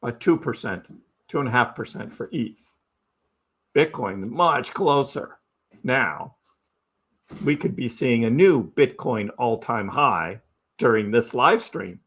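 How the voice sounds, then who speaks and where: Slow-talking man hosting a crypto stream. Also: mid-range voice, lively intonation, a bit bright. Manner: chatty, asks the audience rhetorical questions. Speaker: crypto livestream host. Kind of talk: casual live chart commentary.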